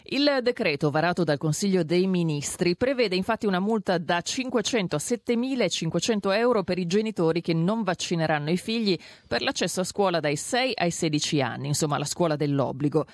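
A radio co-host explaining the news calmly and reading out the contact details. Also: medium pitch, brisk, hardly any pauses, no echo.

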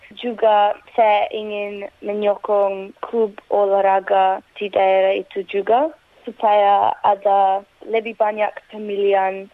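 A woman's voice: mid-range voice, no room sound. A young woman with an Australian accent, a native English speaker speaking Indonesian as a foreigner with careful phrasing in an interview. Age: young adult. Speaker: interviewee, local council candidate. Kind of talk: radio interview answers, somewhat prepared. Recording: tinny narrow phone line.

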